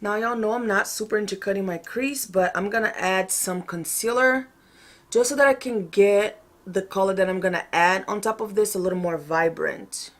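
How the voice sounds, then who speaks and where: A woman with a medium-pitched voice presents a makeup tutorial in a casual vlog style. She is chatty and informal, often thinking out loud as she explains each step. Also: moderate pace. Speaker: makeup vlogger.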